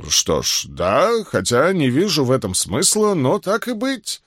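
Here the male narrator's frightened, guilty old doctor sounds flustered, his trembling speech full of pleading. The exaggerated voice sits on the high side, above the performer's own register, with huge pitch swings, a measured pace and a slightly bright tone. It's a dry, clean studio recording.

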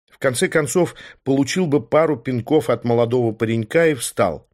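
A man's voice: medium pitch, a little mellow. A man narrating a first-person audiobook with a wry, ironic manner.

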